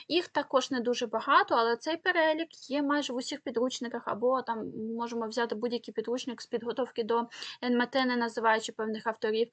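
Ukrainian-accented female teacher, explanatory, slightly high, dry close sound. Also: a bit bright, no room sound. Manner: explanatory, many fillers and check-in "так?". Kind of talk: exam-prep lesson.

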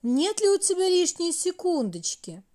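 A woman voicing Night, a gentle, motherly figure who soothes and sighs in a storybook tale. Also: extremely high pitch, very animated, moderate pace, voice pushed up. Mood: soothing. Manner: soothing, sighing.

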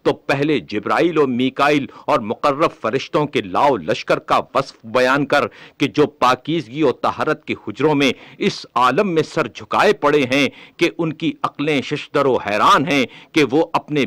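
A man reading a religious book aloud in a measured, solemn way. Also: mid-range voice, a bit bright, no room sound. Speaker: reader of a religious text.

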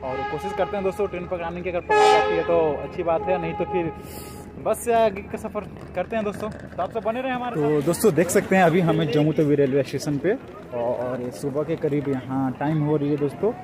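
Filming himself with a phone held at arm's length, a young adult travel vlogger chats through a train journey and then a busy railway station, calling his viewers "friends" over and over. His voice is fairly high and fairly quick. Loud noise from the moving train and the station runs throughout.

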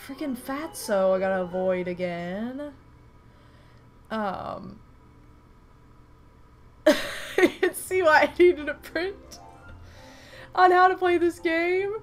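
A young woman's high voice comes slowly, with frequent pauses, as she streams a game from home and chats casually with viewers. She has a stuffed nose from a recent flu, reacts animatedly with exclamations, and faint music plays in the background.

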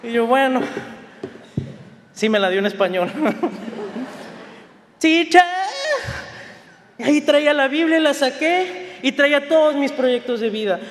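A young man from Mexico with a northern Mexican accent, a pastor telling a lively story and acting out the voices in it. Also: very high voice, normal speed, a little hiss or hum. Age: young adult. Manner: animated, acts out quoted voices. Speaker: pastor giving a talk. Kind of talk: storytelling talk. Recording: echoey hall.

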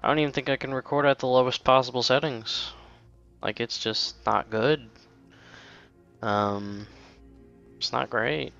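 A man's voice: mid-range voice, steady tone, a little slow, vocal fry, pauses often, fairly bright tone, muffled recording, faint music behind. A man giving casual, rambling commentary over a video game, swearing often and mocking himself. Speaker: let's play gamer.

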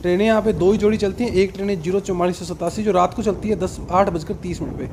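A man giving live, brisk commentary on a train journey, full of times and train details, filmed on a phone aboard the train and on a railway platform outdoors. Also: high voice, steady tone. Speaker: train travel vlogger. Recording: loud train and outdoor noise.

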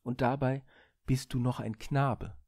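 A man voicing the sun god Helios, a mighty fatherly deity who speaks slowly and solemnly in a storybook reading. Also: mid-range voice, steady tone, a little mellow, no echo, studio quality. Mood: regretful.

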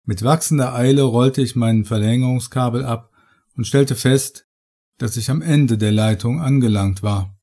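A man narrates a first-person horror audiobook in a measured, dramatic manner. His voice is mellow and sits at a medium pitch.

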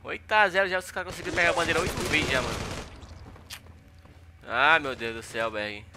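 This young gaming YouTuber, with a Brazilian Portuguese accent, talks fast in a voice on the high side with fairly even intonation as he plays. Exasperated and slangy, he keeps repeating "mano" and "véi," while background noise and gunfire sound beneath him.

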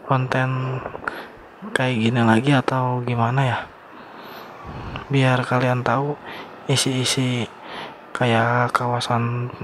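A young man talks his viewers through a motorbike ride in a flat, laid-back voice. He sounds relaxed and slangy, recorded on a camera mic on the move. Engine and street traffic noise sit clearly under his words. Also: medium pitch. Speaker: motovlogger. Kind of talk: casual riding commentary. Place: riding a motorbike on town streets outdoors.

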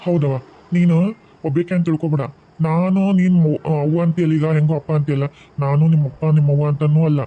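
A man's voice: fairly high pitch, little pitch movement, quick pace, narrow, tinny audio, close to an everyday voice. A man voicing a protective ghost father in a cartoon, reassuring in a North Karnataka Kannada accent. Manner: reassuring, firm.

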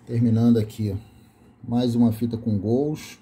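A man's voice: mid-range voice, level tone, measured pace, dark tone, husky. A Brazilian man filming his VHS tape collection indoors and reading the labels aloud in a casual, list-like way, correcting himself as he goes. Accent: Brazilian Portuguese. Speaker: video host showing a collection of VHS tapes. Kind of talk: casual off-camera commentary. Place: small room indoors.

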